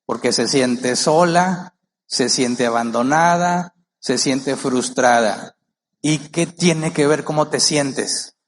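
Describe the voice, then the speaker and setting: A man's voice: mid-range voice, slow, slight background noise. A male pastor preaching a sermon, emphatic, firing rhetorical questions at the congregation and acting out quoted voices. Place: church.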